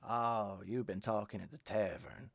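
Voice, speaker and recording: A man's voice: on the low side, fairly even intonation, unhurried, creaky, no echo. A flustered human mayor, defensive and stammering, repeats himself as he pushes back , played by a man running the game. The sound is close and dry. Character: flustered human mayor, male, middle-aged.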